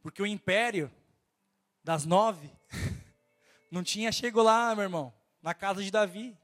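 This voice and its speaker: Fervent nasal Brazilian preacher, high voice. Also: male voice, unhurried, a bit bright. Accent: Brazilian Portuguese. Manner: fervent, exhorting, keeps repeating "my brother". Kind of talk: sermon.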